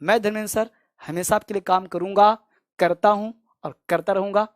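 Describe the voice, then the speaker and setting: Emphatic, high-voiced male English tutor. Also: fairly even intonation, moderate pace, no echo. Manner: drills phrases by repetition, loud and emphatic; fiery motivational pep talk. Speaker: English teacher. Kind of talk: online spoken-English lesson.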